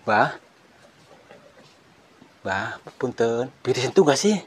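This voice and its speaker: A man on a cave exploration vlog, talking in a hushed, nervous way and muttering prayers. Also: medium pitch, very animated, slow pace, noisy background.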